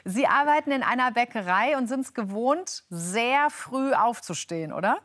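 A woman's voice: on the high side, expressive, normal speed, fairly bright tone. A woman presenting a live TV magazine show, chatty and upbeat, with light improvised asides.

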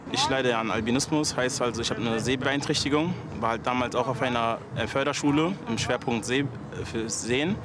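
A man's voice: medium pitch, a little fast, hardly any pauses. Young man talking outdoors over street noise. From Germany. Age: 20s. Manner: relaxed, talks with many fillers. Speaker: interviewee. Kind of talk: casual interview statement.

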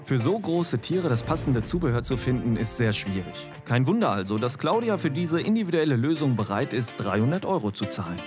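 A man reading scripted TV voice-over narration in a smooth, explanatory way. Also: medium pitch, big pitch swings, brisk, few pauses, over music.

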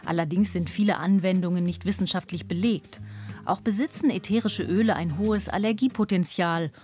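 A woman reading scripted narration for a TV report in an even, factual manner. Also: fairly low pitch, normal speed, faint music behind.

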